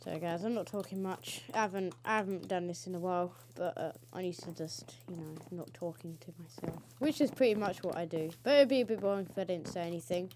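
Excitable woman gaming. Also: lowish voice, brisk, few pauses, a little hiss or hum. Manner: excitable, swears and yelps at the game. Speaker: let's play host. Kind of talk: casual game commentary.

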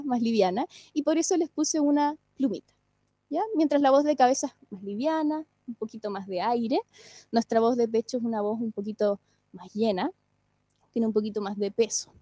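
A woman with a high, soft-toned voice lectures on singing and vocal care. She explains patiently and keeps checking in with her listeners. The sound is close and dry, with no room around it. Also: dry recording. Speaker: singing teacher and speech therapist. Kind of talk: online lecture.

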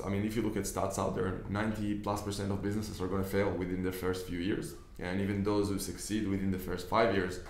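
A young Israeli business investor, a native Hebrew speaker, talks casually to camera from his office desk. His low voice stays fairly level as he explains things earnestly, speaking fast with hardly any pauses and frequently restarting sentences. The room adds a clear echo.

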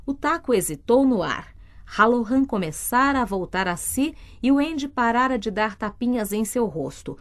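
A woman from Brazil reading a novel aloud as an audiobook narrator, steady and measured. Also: a little high. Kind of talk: scripted narration.

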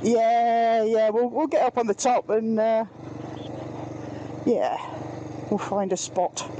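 Out on country trails, a British woman films her motorbike ride and chats into her helmet mic, casually making fun of herself. She speaks slowly in a steady, somewhat high voice. Background noise can be heard.

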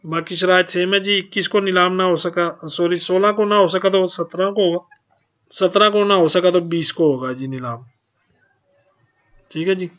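A man's voice: high-pitched, moderate pace, fairly bright tone, muffled recording. A man hosting his own channel, plainly reading out auction notices and tacking a polite "ji" onto most sentences. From Pakistan. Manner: plain, repeats "ji" often. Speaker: channel host.

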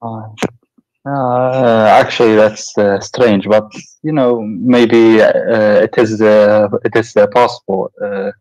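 A man calling into an online debate, speaking hesitantly with many pauses and fillers. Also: on the low side, steady tone, darkish tone, dull audio. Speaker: caller.

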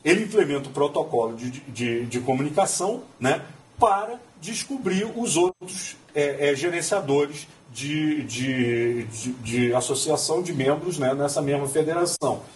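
A man's voice: a little high, lively intonation, normal speed. A man with a Brazilian Portuguese accent giving a technical conference talk, hesitant and full of fillers and restarts. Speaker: conference presenter. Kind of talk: technical presentation. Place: auditorium. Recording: distant mic in auditorium.

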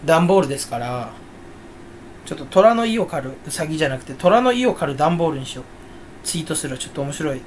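Self-mocking man rambling with lively pitch. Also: fast, a little hiss or hum. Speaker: channel host. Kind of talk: casual solo rambling monologue.

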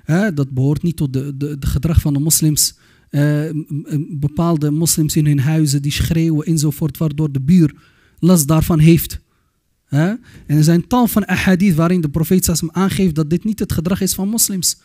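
Man, religious lecture, earnest and admonishing, Arabic phrases mixed in, mellow dark voice. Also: fairly high pitch, steady tone, normal speed, slightly rough. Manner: earnest, admonishing, often repeats and restarts words; mixes Arabic phrases into his talk. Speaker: Islamic youth lecturer.

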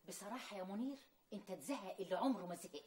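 An actress playing a sharp-tongued middle-aged mother in a TV drama, with an Egyptian Arabic accent, scolding and quoting proverbs. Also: medium pitch, expressive, rapid-fire, close to an everyday voice. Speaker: mother-in-law in a family drama. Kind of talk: TV drama acting.

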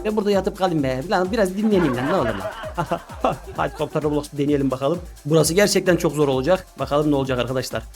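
Fast-talking excitable man gaming. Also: on the high side, music in the background. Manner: exclaims and shouts often, laughs a lot. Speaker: gaming YouTuber. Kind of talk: excited gameplay commentary.

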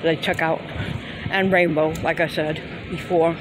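In this casual walk-through vlog shot on a handheld phone, a woman heads from a parking lot into a Halloween store, rambling hesitantly with frequent fillers. Her voice sits low with little pitch movement and an unhurried pace, amid a noisy background of loud store music.

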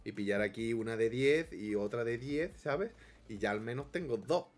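A man's voice: mid-range voice, moderate pace, soft background music. A man with an accent from Spain, giving casual gameplay commentary as a YouTuber, complaining in a melodramatic, self-mocking way. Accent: Spain Spanish. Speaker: gaming YouTuber.

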